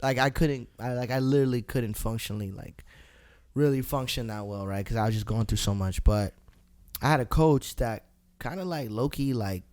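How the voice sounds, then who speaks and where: A podcast co-host with a smooth, resonant male voice at a middle pitch. He speaks in a relaxed, measured way, taking his time as he tells a personal story in casual chat. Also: no echo, studio quality.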